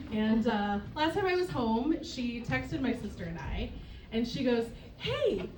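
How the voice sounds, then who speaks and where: A woman's voice: fairly high pitch, measured pace, far from the mic, noisy background. A woman in her forties doing a stand-up comedy set, telling stories with laughing asides. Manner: animated storytelling with laughing asides. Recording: roomy club sound from off mic. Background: audience laughter.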